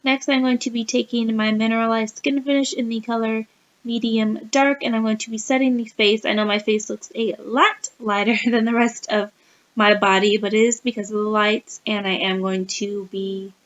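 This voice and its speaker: A woman's voice: on the high side, little pitch movement, moderate pace. A woman with a sick-sounding voice, chatting through a casual makeup tutorial as a beauty vlogger and laughing often mid-sentence. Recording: dull, slightly muffled lo-fi recording.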